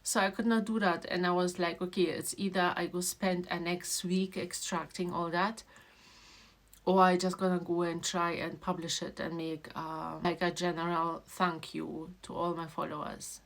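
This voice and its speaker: Lady vlogging about her book, stops and restarts a lot, goes quiet and low. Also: level tone, vocal fry. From Trinidad and Tobago. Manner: halting, repeats and restarts phrases, voice dropping soft and low. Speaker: children's book author and illustrator. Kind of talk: casual emotional vlog talk.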